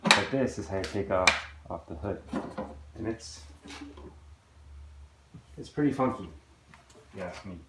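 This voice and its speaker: A man's voice: deep voice, unhurried, pauses often, background noise. A man casually narrating his work on an old outboard engine in a home workshop, with lots of hesitant restarts and fillers. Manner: rambling, hesitant, full of restarts and ums.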